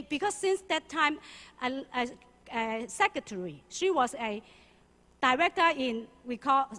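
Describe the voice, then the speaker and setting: Middle-aged woman, animated and searching for words, very bright voice, long church echo. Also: high-pitched. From Hong Kong. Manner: lively, questions the audience, halting non-native English. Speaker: children's pastor. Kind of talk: sermon testimony. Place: church sanctuary.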